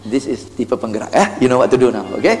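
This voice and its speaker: A man giving a lively sales seminar, animated, asking the audience rhetorical questions and mixing in English phrases. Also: mid-range voice, a little fast, in a large hall, over loud music. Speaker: sales trainer. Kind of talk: motivational seminar talk.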